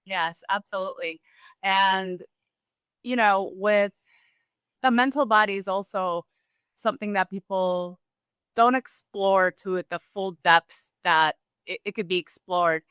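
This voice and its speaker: Bright, clear-voiced woman guest. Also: medium pitch, measured pace, no room sound. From Romania. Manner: relaxed, thoughtful, with restarts and small laughs. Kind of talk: casual conversational interview.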